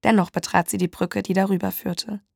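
A woman reading a story aloud in a steady, measured voice. Her voice has a gravelly edge and stays flat in pitch. The recording is dry and close, with no room sound. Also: no echo. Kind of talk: storybook narration.

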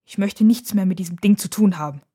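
A woman's voice: medium pitch, quick pace, dark tone, slightly rough, natural voice. A woman voicing an old man who is curt and dismissive, speaking brusquely.

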